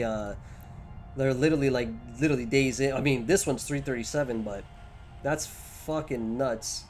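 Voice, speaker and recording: Slow-talking exasperated young man streaming. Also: mid-range voice. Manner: exasperated, swearing, slangy. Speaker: game streamer. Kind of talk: casual live-stream commentary. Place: home streaming setup.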